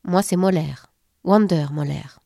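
A woman's voice: lowish voice, measured pace, gravelly. A woman voicing a brash, cheeky male tooth-fairy mouse with a Belgian French accent, talking in a mocking, cocky way. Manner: cocky, mocking, sprinkles "hein" and "là".

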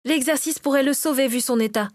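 A woman's voice: high-pitched, a little fast, no room sound, studio quality, voice pushed up, natural voice. A woman voicing a determined former war nurse in a storybook reading, speaking in a firm, practical way. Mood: earnest pleading.

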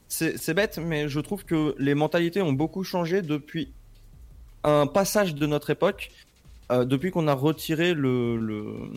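A man's voice: a little high, a little mellow. A man co-hosting a radio show in a studio, talking earnestly and repeating himself as he rambles. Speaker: radio co-host. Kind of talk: casual radio talk.

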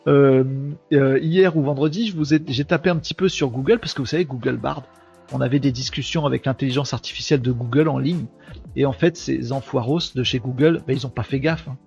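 A man's voice: medium pitch, brisk, gravelly, darkish tone, slightly rough, highs cut off, soft background music. A man from France hosting a daily live webinar, chatting casually, joking and rambling as he reads viewers' comments aloud. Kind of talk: casual live-stream chat.

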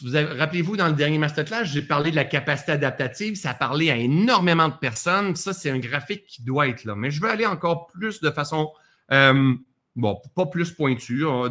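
A man's voice: a little high, bright, forceful tone. A man with a Québécois accent teaching a live masterclass in a conversational way, breaking off for joking asides about himself. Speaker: personal development speaker.

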